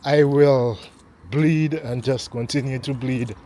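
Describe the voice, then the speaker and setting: A man vlogging while he walks through a neighborhood at night, talking in a slow, halting way and repeating words as he goes. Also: mid-range voice, steady tone, warm tone, a little hiss or hum. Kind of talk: casual walking vlog talk. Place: outdoors on a neighborhood street at night. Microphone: handheld camera mic while walking.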